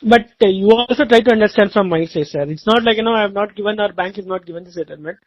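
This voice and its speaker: A man's voice: high-pitched, fast talker, no room sound. Man on a phone line cutting out. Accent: Indian English. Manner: polite, says sir constantly. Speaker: bank settlement agent. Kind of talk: phone negotiation. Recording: dull dry phone line.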